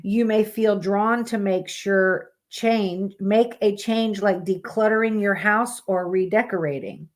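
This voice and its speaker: A woman's voice: medium pitch, fairly even intonation, slow pace, hardly any pauses. Woman, live streamer, horoscope reading, casual, blunt profane asides. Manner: reads aloud plainly, breaks off with swearing asides.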